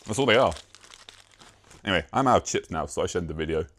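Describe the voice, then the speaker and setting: A young British man chats to his camera in a loose, rambling vlog. He is self-mocking and swears casually, and his voice sits slightly low. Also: animated, fast, fairly bright tone, a little hiss or hum. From Britain. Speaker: YouTuber.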